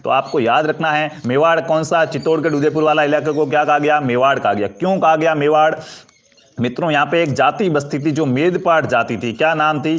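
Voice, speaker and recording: A man's voice: a little high, fairly quick. A man teaching an exam-prep history lesson, asking questions and answering them himself while calling his students friends. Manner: addresses students as friends, asks for comments and likes.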